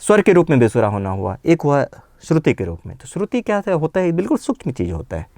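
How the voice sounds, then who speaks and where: A man teaching a singing lesson, explaining pitch patiently and often checking that his students follow. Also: sing-song, fast talker, dark tone, dry recording. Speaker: music teacher. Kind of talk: vocal lesson.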